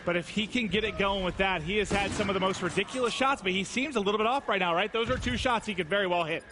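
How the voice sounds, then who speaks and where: High-pitched, excitable male esports caster. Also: fast talker. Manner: excitable, exclamatory, playful banter. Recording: noisy event ambience behind voice.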